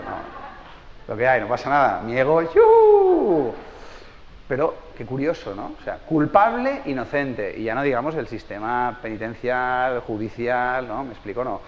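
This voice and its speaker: A man with a Spain Spanish accent gives a live conference talk, full of slang and asides. His voice sits a bit high, and the sound is dull. A long hall reverb rings behind him. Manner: colloquial, lively storytelling with asides. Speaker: speaker.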